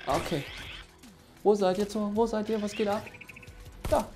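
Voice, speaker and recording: A man's voice: high voice, normal speed. A man in his thirties giving casual, slangy, playful commentary as he plays a VR game. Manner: laid-back slangy asides, playful. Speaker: let's play host. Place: indoors, standing in VR headset. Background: game music.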